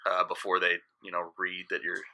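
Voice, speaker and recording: A man in his late thirties chats on a podcast as a guest DJ. His voice is fairly low but very bright and forceful. He tells his stories frankly and at rambling length. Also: completely flat delivery, moderate pace. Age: 30s. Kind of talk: casual podcast chat.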